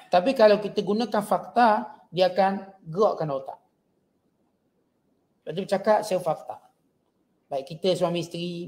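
A man with a Malaysian Malay accent giving a Quran commentary lecture, slowly chanting Arabic verses and then explaining them plainly to his audience. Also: high voice. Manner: slow, drawn-out recitation of Arabic verses between plain explanation; addresses the audience directly as gentlemen. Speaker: religious teacher.

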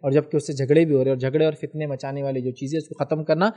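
A man's voice: on the high side, little pitch movement, racing, warm tone. A man from India answering a viewer's question in a religious talk, patiently explaining and often checking that the listener follows.

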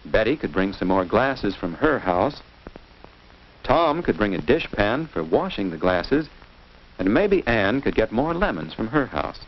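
An American man with a fairly low voice and big pitch swings narrates, unhurriedly, a scripted 1950s instructional film for kids. He teaches in a didactic manner and quizzes young listeners with questions, all on a muffled, noisy vintage soundtrack.

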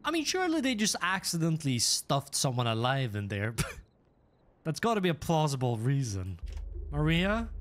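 A man giving jokey, animated commentary while playing through a horror game, reacting with nervous laughter. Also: on the high side, moderate pace. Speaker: gaming YouTuber.

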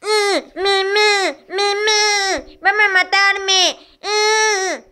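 A woman voicing a small, timid female lamb in an amateur cartoon, with bleating cries and a slow, high-pitched delivery. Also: fairly even intonation, bright, forceful tone, exaggerated voice. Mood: bleating, crying.

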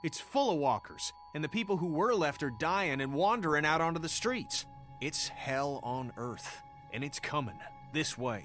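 A blunt, gruff survivor father. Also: fairly high pitch, expressive, very slow, a bit bright, heavily acted. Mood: heated. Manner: blunt, confrontational. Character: gruff middle-aged male survivor father. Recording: game audio with faint music.

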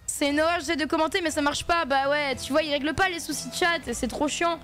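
While playing a game on stream, a woman chats casually with her viewers using plenty of slang. Her voice is high and a bit bright, her intonation fairly even, and she talks at a quick pace. Soft music plays in the background.

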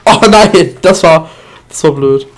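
A gaming commentator talks live over his own gameplay at a slow pace, goofy and excitable. He frequently bursts into high-pitched yelps and sing-song chants.

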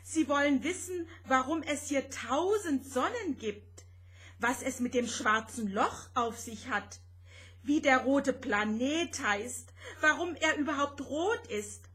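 A woman's voice: high voice, takes it slowly, a bit bright, voice pushed up. A woman voicing a timid, homesick little girl spaceship who talks in an anxious, whiny way. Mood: dismayed.

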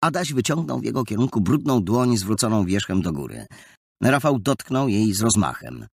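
A man narrating an audiobook in a lively, expressive storytelling manner, close to the mic. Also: fairly low pitch, normal speed, creaky, husky, no room sound. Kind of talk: scripted narration.

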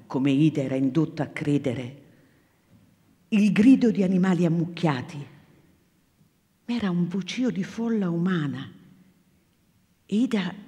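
A woman actress reading a novel aloud to an audience, measured and expressive, her voice falling soft at pauses. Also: fairly low pitch. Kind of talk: literary reading before an audience. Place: small theatre foyer hall. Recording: live in a reverberant theatre room.

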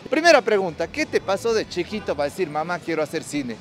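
A man's voice: high-pitched, big pitch swings, fast talker. A man in his thirties with an Ecuadorian accent, hosting an enthusiastic, slangy street interview with a handheld mic outdoors. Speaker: host and interviewer. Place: city street outdoors by film trailers. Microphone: handheld microphone.

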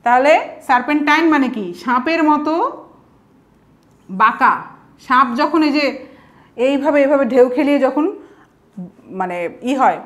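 High-voiced woman teaching vocabulary. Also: unhurried, pauses often, fairly bright tone. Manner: explains patiently, mixing English examples into Bengali. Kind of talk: explanatory lesson.

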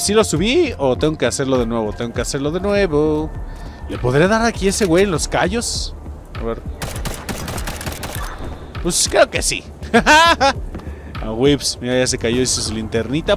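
A young man with a Mexican Spanish accent giving excitable, profanity-filled commentary while he plays a game, often breaking into sudden yelps and shouts. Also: on the high side. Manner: excitable, swears a lot, jumps to yelps and shouts. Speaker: gaming channel host. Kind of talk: casual gameplay commentary.

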